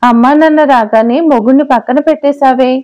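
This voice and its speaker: A woman's voice: sits high, brisk, a little mellow, natural voice. Woman voicing a teasing young husband. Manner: playful then exasperated bickering. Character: young husband, teasing, patient office worker. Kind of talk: audio story dialogue.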